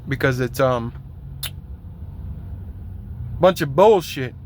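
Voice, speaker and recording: A man's voice: mid-range voice, expressive, slow pace, a little mellow, slight background noise. A man who drives a truck, venting in a loose, rambling vlog rant full of swearing and aggravated complaints. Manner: heavily profane, aggravated complaining; loose, rambling with fillers and repeats.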